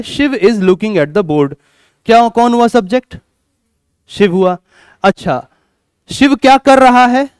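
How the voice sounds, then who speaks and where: A man teaching a class, lively, asking questions and answering them himself. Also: sits high, clean tone, no echo, clean studio sound. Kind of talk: classroom lecture.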